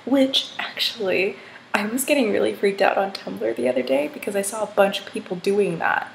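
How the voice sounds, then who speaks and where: A woman's voice: mid-range voice, moderate pace, gravelly. A young woman vlogger chatting casually and giggling, talking into her laptop mic. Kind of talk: casual chat on a video call. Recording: echoey room with faint noise.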